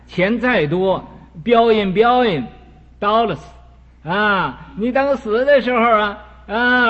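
A man preaching a Buddhist moral parable in a slow, storytelling way, with frequent drawn-out fillers and English words mixed in. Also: sits high. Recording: dull lo-fi recording in a reverberant hall.

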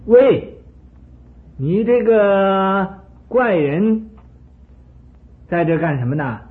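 A man voicing a jealous, hot-tempered ancient king who shouts scornful challenges, in a retold sermon story. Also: fairly high pitch, very animated, unhurried, pitched above the performer's own voice. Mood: angry, taunting. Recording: tinny phone-like sound with faint hiss.

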